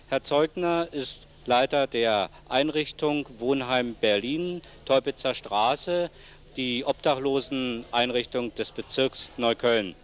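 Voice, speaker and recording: With a clear, resonant, medium-pitched voice, a middle-aged man conducts a local TV interview, holding a microphone and keeping his tone polite and formal. He and his guest sit among plants in a senior citizens' centre, and the old video's sound is noisy.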